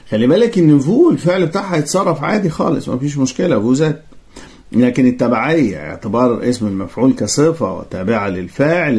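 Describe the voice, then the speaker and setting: A man with an Egyptian Arabic accent teaching French grammar for an exam. He reads each French sentence slowly, then explains it quickly in colloquial Arabic. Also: medium pitch, darkish tone. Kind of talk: exam-prep grammar lesson.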